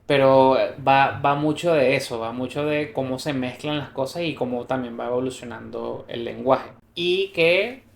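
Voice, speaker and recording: A man's voice: medium pitch, moderate pace, vocal fry, few pauses. Venezuelan man in an echoey room. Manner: lively storyteller who acts out quoted dialogue. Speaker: podcast co-host. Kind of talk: casual chat. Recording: roomy echo.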